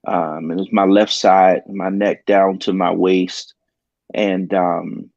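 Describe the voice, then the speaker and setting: Earnest pastor with a low voice. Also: male voice, level tone, creaky, darkish tone, no echo, dull audio. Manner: earnest, halting storytelling with many ums. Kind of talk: telling a personal story in a talk show.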